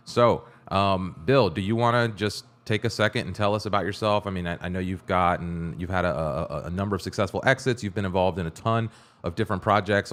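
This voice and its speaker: A man's voice: low voice, fairly bright tone. A man hosting a casual livestream podcast, upbeat and loose, greeting viewers in the chat. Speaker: podcast host.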